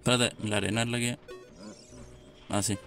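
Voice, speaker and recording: A Chilean man streams a video game in an average-pitched voice. He comments casually in short, muttered reactions, with clear game music behind him. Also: flat delivery, moderate pace, fairly bright tone. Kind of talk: casual let's play commentary.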